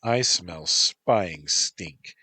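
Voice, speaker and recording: A man voicing a teasing, sharp-tongued young woman who pouts when she doesn't get her way, read as a storybook. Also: sits low, animated, drawn-out words, husky, no room sound, exaggerated voice. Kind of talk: storybook narration.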